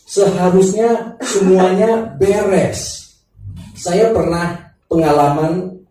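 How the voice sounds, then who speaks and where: A man from Thailand serving as pastor, praying and then preaching a sermon in a church service and inviting the congregation to answer back, unhurried and with pauses. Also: a little high, dark tone. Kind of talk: sermon with opening prayer. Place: church worship hall. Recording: very echoey hall, mic at a distance, faint music.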